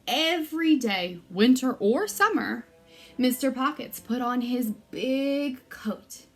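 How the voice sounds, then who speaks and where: For young listeners, a woman reads a children's story with expressive, deliberate, dramatic emphasis. Her voice sits high and sounds animated.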